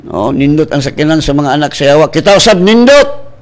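A man with a Cebuano accent, a pastor preaching and praying on the radio, mixing in English phrases and breaking into sudden high shouted bursts. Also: sing-song, brisk. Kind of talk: radio sermon and prayer. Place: radio studio.

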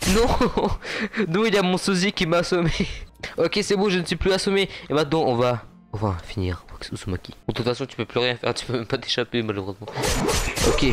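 Excitable young man commenting gameplay. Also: medium pitch. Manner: excitable, laughs often, talks to viewers. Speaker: gaming YouTuber.

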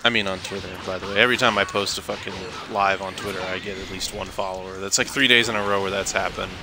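A man's voice: deep voice, fairly even intonation, fast talker, noisy background. A young man streaming a game, chatting casually and correcting himself as he talks, while he has the hiccups. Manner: rambling, self-correcting, chatty. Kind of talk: casual gameplay commentary. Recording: game music loud behind voice. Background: game music.

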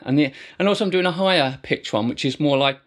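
A man's voice: fairly high pitch, quick pace. Man casually explaining a didgeridoo technique. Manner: relaxed, rambling, with many fillers and restarts. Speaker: didgeridoo teacher.

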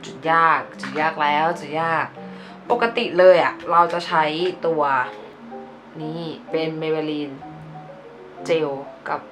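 A young woman with a low voice talks her way through an everyday makeup tutorial. She is chatty and playful, explaining each step as she goes. Music plays clearly behind her. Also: steady tone, slow pace, fairly bright tone. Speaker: beauty vlogger. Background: background music.

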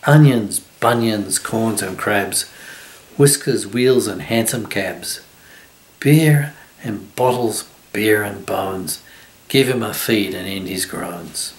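An older man voicing a rude, bossy magic pudding that shouts rhyming outbursts. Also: on the low side, slow pace.

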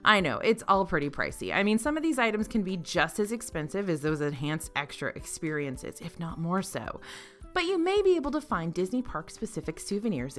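A woman's voice: on the low side, a bit bright. A woman hosting a travel explainer, reading a script in a bubbly, upbeat way with chatty asides. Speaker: host.

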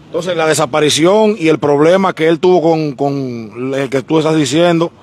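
A man, interviewing people on a busy street with a handheld mic, asking brisk questions. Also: on the high side, darkish tone, slight background noise. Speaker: street reporter.

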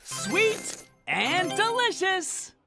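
An actor voicing an excitable little dinosaur host in a cartoon, announcing prizes and contests in a booming, grandiose way with stretched-out words. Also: drawn-out words, creaky, exaggerated voice. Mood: showy, excited. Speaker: sports event announcer. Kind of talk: cartoon commentary. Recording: loud music behind the voice.

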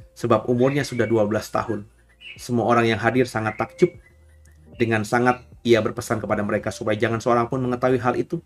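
Chatty man teaching the Bible. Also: lowish voice. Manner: chatty, animated, checks in with listeners. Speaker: pastor.

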